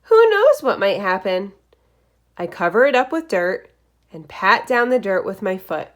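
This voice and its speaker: A woman with a medium-pitched voice reads a picture book aloud to young children the way a teacher would. She speaks in short, deliberate, expressive phrases and adds little asides.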